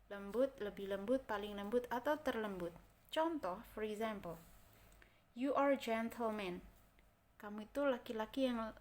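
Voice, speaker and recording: A woman with an Indonesian accent teaching English grammar. She repeats example words and keeps checking that her listeners follow. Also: mid-range voice. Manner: repeats example words slowly, checks understanding with "kan?" and "oke?". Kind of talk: explaining grammar in a recorded lesson.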